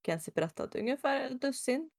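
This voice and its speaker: A woman recounts a TV episode in easy, casual conversation. She slips into the characters' lines with animated little voices, then drops back to her ordinary speaking voice. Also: sits high. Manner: animated retelling, acting out quotes. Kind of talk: casual chat retelling a TV episode.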